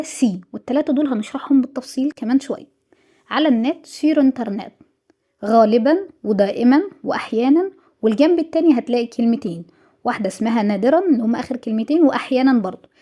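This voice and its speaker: A woman's voice: on the high side, dark tone. An Egyptian woman teaching French vocabulary in a review lesson, patient and repetitive, saying each word twice. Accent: Egyptian Arabic.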